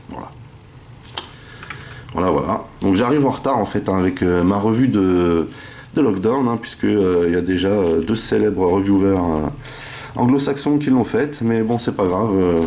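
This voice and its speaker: A man reviewing a toy in a casual, hesitant way, filling his sentences with pauses and filler words. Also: low voice, a little mellow, slight background noise.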